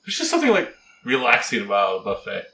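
A man's voice: mid-range voice, huge pitch swings, quick pace, roomy sound, recorded from a distance, noisy background. A laid-back man in casual podcast chat, chuckling as he talks.

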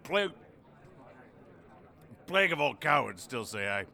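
A man's voice: mid-range voice, very animated, measured pace, creaky, bright, forceful tone, heavily acted. An actor playing a fat, boastful old drunken knight in Shakespearean style, declaiming his grievances in blustering outbursts. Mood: aggrieved, boastful. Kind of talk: Shakespearean stage acting.

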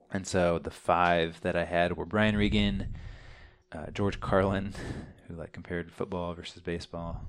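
Low-voiced relaxed podcast host. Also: male voice. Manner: relaxed, hesitant with frequent "uh"s. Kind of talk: casual podcast chat.

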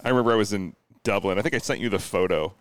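A man co-hosting a podcast in casual chat, dropping dry, quick quips. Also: lowish voice. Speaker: podcast co-host.

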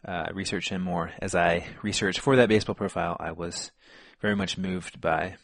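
A man co-hosting a sports podcast in casual chat, relaxed and full of fillers. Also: low voice, moderate pace. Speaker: podcast co-host.

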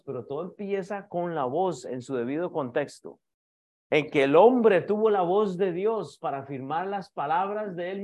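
A male pastor delivers an emphatic sermon with a high voice, calling out to his congregation again and again. He often stumbles and restarts his phrases as he presses his point. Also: a little mellow. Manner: emphatic preaching, repeatedly addresses the congregation as brothers.

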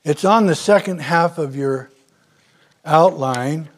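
Slow, earnest male pastor preaching. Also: on the high side. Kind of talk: sermon.

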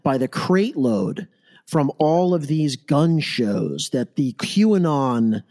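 A man's voice: on the high side, expressive, takes it slowly, darkish tone. A man hosting a political talk show, speaking sarcastically and mocking his targets. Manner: sarcastic, mocking, acts out imagined quotes. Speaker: host.

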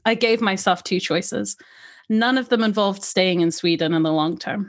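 A woman raised in Africa tells her life story as a podcast guest in a lively, conversational interview, laughing often. Her mid-range voice moves at a normal speed, and her accent blends American, British and Scottish traces.

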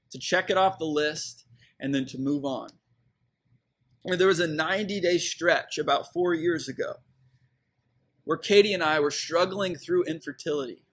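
A man's voice: a little high, fairly bright tone, husky. A man, preaching a sermon in a conversational, reflective way with fillers and restarts. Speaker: pastor.

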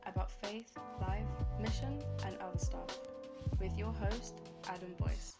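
A woman announcing a podcast intro in an even, scripted delivery. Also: mid-range voice, a little slow, soft background music.

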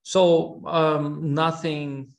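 Gravelly man, hesitant scholar. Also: on the high side, little pitch movement, very slow. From Armenia. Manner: hesitant, many fillers and restarts. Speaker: guest historian. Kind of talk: academic interview.

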